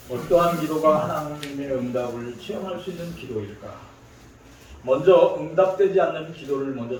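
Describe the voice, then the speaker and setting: A man's voice: a little high, slight background noise. A man preaching a sermon as pastor, telling stories and acting out the people in them. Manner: storytelling, acts out quoted voices. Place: large church sanctuary. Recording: echoey hall from far off.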